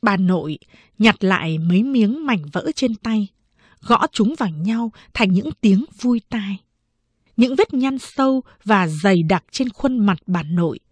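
A woman narrating a novel as an audiobook in an even, measured storytelling manner. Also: mid-range voice, husky, no echo.

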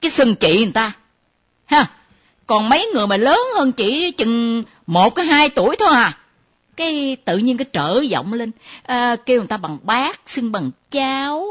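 An actress playing a nosy younger female friend who teases and mocks in a lively way. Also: fairly high pitch, normal speed. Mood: teasing. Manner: teasing, lively, mimicking. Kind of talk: comedy sketch acting. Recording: dull lo-fi recording.

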